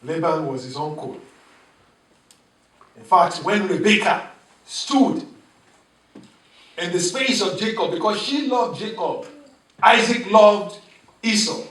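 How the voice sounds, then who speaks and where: A man preaching a sermon as pastor, animated, chuckling and calling for the congregation to respond. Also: high voice, slow, pauses often. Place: church. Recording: echoey church room, mic at a distance.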